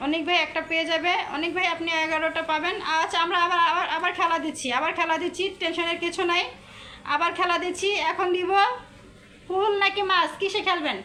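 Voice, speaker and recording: A woman's voice: very high-pitched, fairly even intonation, quick pace, pushed and bright. A woman from Bangladesh, hosting a casual live stream, chatty and repetitive as she teases her viewers. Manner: chatty, repeats herself, teasing viewers.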